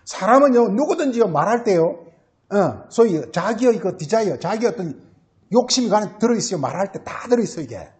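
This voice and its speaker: High-voiced man preaching a sermon. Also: big pitch swings, a little fast, darkish tone. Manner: asks questions and answers them himself, with many filler words; ends phrases with a repeated tag word. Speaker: pastor. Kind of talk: Sunday sermon.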